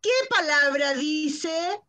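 A woman teaching kindergarten phonics over a video call, her voice high and bright. She takes her time, stretching each syllable and cheering the children on patiently. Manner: patient, slow sound-by-sound modeling with encouragement. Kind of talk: online phonics lesson for young children.

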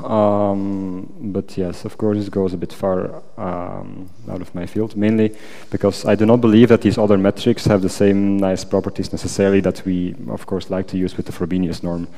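The man's voice sits low and warm with vocal fry, little pitch movement, normal speed and hardly any pauses. As a PhD candidate defending his thesis, he responds to examiners hesitantly, hedging with plenty of qualifications, inside a large wooden lecture auditorium whose echoey hall gives long reverb.

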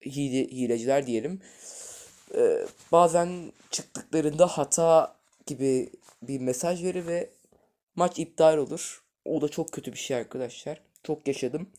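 A man with a slightly high voice hosts a gaming video at an unhurried pace, providing live commentary. He swings between loud outbursts and quiet muttering, addressing his viewers directly as if they were friends.

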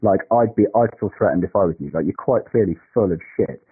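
A man calling in on a phone line, measured and lecturing, turning abusive. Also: fairly low pitch, husky. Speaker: caller. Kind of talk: phone call.

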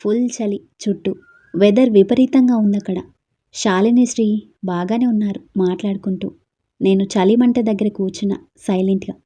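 A woman narrating a first-person romantic story in a soft, subdued way. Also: medium pitch, fairly even intonation, moderate pace, husky.

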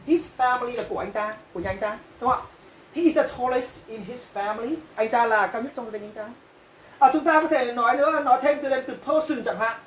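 Woman w vietnamese accent doing an english grammar lesson, kinda high voice, mic far off in an echoey room. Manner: slow, repeats and translates each phrase, often asks "right?". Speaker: English teacher. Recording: echoey room, voice from a distance, faint hiss.

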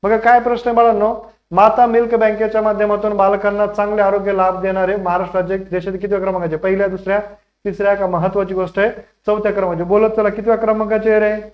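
Guy teaching a live exam class, kinda high voice, dull lo-fi audio, keeps telling kids hurry up answer. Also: flat delivery. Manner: rapid, coaxing, keeps urging students to answer fast; calls students "children" affectionately.

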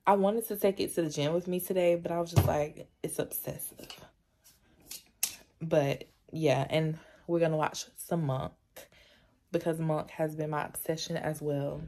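A young woman chatting casually through a day-in-the-life vlog, relaxed and full of fillers. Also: low voice, a little slow. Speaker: vlogger.

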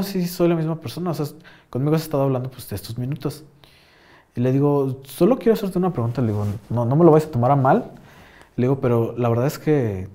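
A man's voice: mid-range voice, warm tone. A young man with a Mexican accent telling a rambling, slang-filled story in casual chat, full of fillers. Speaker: podcast host.

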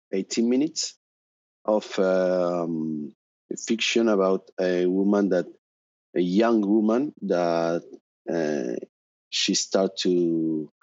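An Argentine man in his thirties speaks English with an Argentine Spanish accent on a conference panel, joining by headset over a video call from a room at home. His low voice has vocal fry and is a little mellow; he's hesitant with many fillers and restarts, and the call audio is dull.

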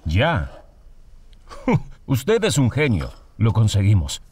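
Lively, lowish-voiced young schemer. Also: male voice, takes it slowly, husky, dry recording, heavily acted. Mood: eager, deferential. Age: young adult. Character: smooth, eager young schemer on the phone. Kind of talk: dubbed film drama.

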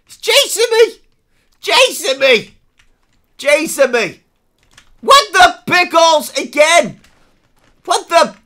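A live game streamer talks through play in a bright, sharp voice. The pitch leaps all over the place as they shout and repeat themselves. They keep up a running, excitable commentary and read chat aloud.

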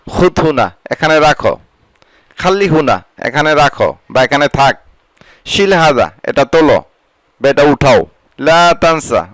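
A man with a fairly high voice teaches vocabulary, word by word. He says each term, gives its meaning, and repeats phrases slowly. The sound is close and dry, with no room around it. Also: a bit bright, no room sound, low-quality recording. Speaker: language teacher. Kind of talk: vocabulary lesson.

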